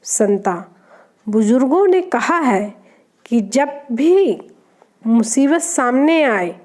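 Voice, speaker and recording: A woman's voice: sits high, lively intonation, extremely slow, darkish tone. A woman reading short jokes aloud, naming each speaker before their line. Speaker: joke reader.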